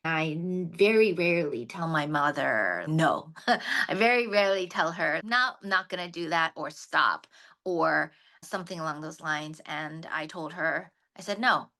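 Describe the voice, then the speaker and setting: A woman's voice: low voice, unhurried, sharp tone. A woman sharing earnestly and reflectively in a women's circle, often restarting mid-thought. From grew up in the US, born in Japan. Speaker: panel participant.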